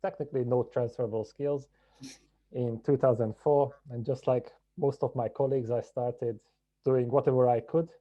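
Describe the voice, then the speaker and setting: A man from Hungary, a podcast guest telling his story in a measured, reflective way. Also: mid-range voice, steady tone, warm tone, lo-fi sound. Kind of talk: podcast interview.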